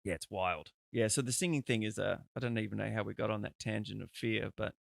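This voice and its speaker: A man's voice: lowish voice, fairly even intonation, fast, vocal fry, no room sound, clean studio sound. A man, hosting a podcast in a chatty, rambling way and swearing freely. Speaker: podcast host. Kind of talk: casual conversational interview.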